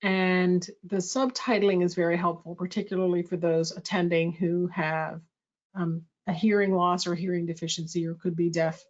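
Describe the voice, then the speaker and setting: A middle-aged woman hosts a workshop in a presentation dialogue, her voice on the low side with a steady tone and moderate pace. She speaks thoughtfully and reflectively, correcting herself along the way, and the audio is slightly muffled.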